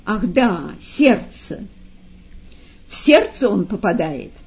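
A woman's voice: medium pitch, very animated, takes it slowly, darkish tone, slightly rough, exaggerated voice. A woman voicing a fussy, talkative, sly man from a devil's retinue who exclaims a lot. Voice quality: effusive, exclaiming. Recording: slightly dull lo-fi sound.

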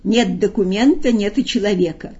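A woman voicing a glib, theatrical male trickster who mocks and swoops in a high, showy manner. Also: animated, normal speed, dark tone, husky, highs cut off.

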